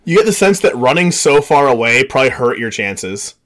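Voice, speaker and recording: A playful game master narrates a tabletop role-playing session. The voice swings widely in pitch, jokes with the players and laughs often. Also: big pitch swings, brisk, fairly bright tone.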